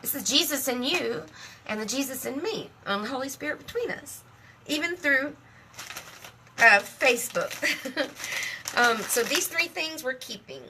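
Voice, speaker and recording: A middle-aged woman chatting casually on a live stream, emotional and talkative, laughing often and speaking warmly about her faith. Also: high voice, animated, measured pace, pauses often, slight background noise. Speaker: live video host.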